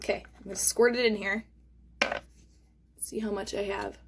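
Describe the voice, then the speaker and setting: A woman's voice: mid-range voice, steady tone, normal speed, heavy background noise. A woman talking like a kids show host, encouraging young viewers directly as she casually narrates a hands-on craft demonstration. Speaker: host of a children's craft lesson.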